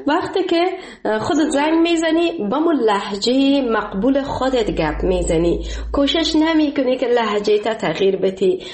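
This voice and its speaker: A woman's voice: a little high, darkish tone. A woman with an Afghan Dari accent hosting a radio call-in show, courteous and full of praise for her callers. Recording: echoey studio sound.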